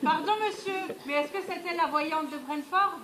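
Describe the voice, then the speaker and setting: A woman's voice: extremely high pitch, moderate pace. A woman acting a naive, dim but earnest servant messenger in a stage comedy, guileless and insistent. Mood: naive, hesitant. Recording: stage recording with faint noise.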